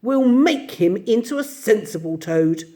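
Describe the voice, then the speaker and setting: A woman doing a gruff, hearty old badger. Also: mid-range voice, animated, unhurried, mellow, natural voice. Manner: hearty, grave.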